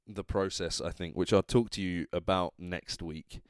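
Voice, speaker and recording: An Englishman hosts a casual solo podcast while drunk. His voice is fairly low and smooth, recorded close and dry. He rambles, breaking off and restarting his thoughts in a loose, chatty way. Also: steady tone, normal speed, dry recording. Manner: rambling, trailing off, self-interrupting. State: drunk, tipsy. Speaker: podcast host.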